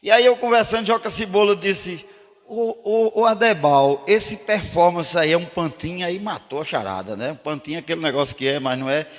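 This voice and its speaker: An older man from northeastern Brazil with a northeastern Brazilian accent, telling stories on stage and slowing down to declaim his rhymed verses. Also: high voice, big-room sound. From Rio Grande do Norte, Brazil. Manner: animated storyteller, switches into slow declaiming for recited verses. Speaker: poet and performer. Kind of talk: stand-up storytelling with recited verse. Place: cultural center stage.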